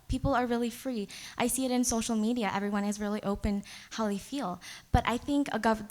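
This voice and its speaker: A young woman answering a pageant interview, her voice sitting a little high. She speaks earnestly and pauses on fillers as she gathers her thoughts. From United States and Nepal. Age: young adult. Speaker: pageant contestant.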